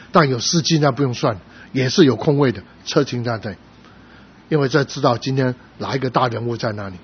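A middle-aged male pastor preaching a sermon, telling stories with sudden loud emphatic rises. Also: medium pitch, breathy edge. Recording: slightly dull sound with faint noise.

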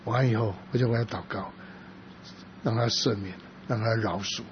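A man preaching in a sermon, telling a story from his church work in a halting, soft-spoken way, with frequent restarts. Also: on the low side. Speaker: pastor. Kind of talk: sermon testimony. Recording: dull lo-fi with faint noise.

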